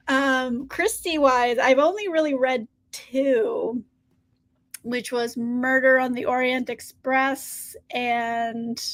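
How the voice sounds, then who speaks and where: Her voice high and fairly bright, a book channel host greets viewers and responds to their comments during a casual livestream. She's cheerful and talkative, laughing often. Today her voice comes across slightly scratchy.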